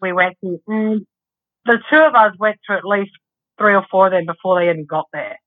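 A rambling, chatty woman co-hosting a podcast, speaking at an ordinary middle pitch. She swears casually as she talks. The recording sounds a little dull and lo-fi. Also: brisk. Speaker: podcast co-host. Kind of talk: casual chat.

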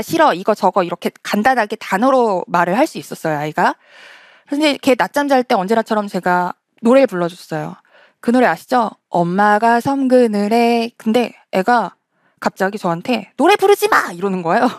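A woman's voice: fairly high pitch, no room sound, clean studio sound. A woman giving a storytelling talk on stage, acting out the lines of children and her own past self. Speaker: speaker at a lecture stage.

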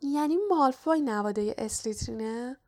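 A woman narrator voicing a clever, cautious young schoolgirl witch who speaks in a hushed, knowing way. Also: on the high side, close to an everyday voice.

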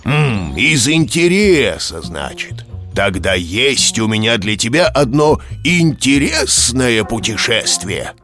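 Cartoon globe guide: knowing, playful, teasing, medium pitch, very animated intonation. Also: male voice, slow pace, soft background music. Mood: sly, encouraging. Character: friendly, knowing male talking globe, travel guide. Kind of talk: animated children's cartoon dialogue.

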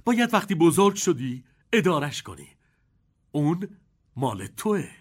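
A man's voice: fairly high pitch, sing-song, slightly rough. Willy Wonka, as a man puts him on. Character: eccentric elderly male chocolate maker, playful and kindly.

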